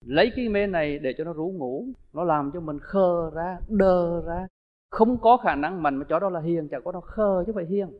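A man preaches a Buddhist dharma talk, his voice pitched high. He is animated and slips into little acted-out dialogues. The sound is dull and lo-fi, with a long echo hanging in a hall. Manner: animated, acts out everyday dialogues. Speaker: Buddhist monk teacher.

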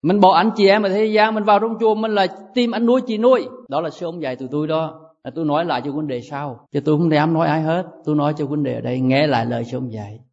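A man, a Buddhist monk giving a lively, emphatic dharma talk. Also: on the high side, quick pace, few pauses. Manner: lively, emphatic, playful storytelling. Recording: dull reverberant hall recording.

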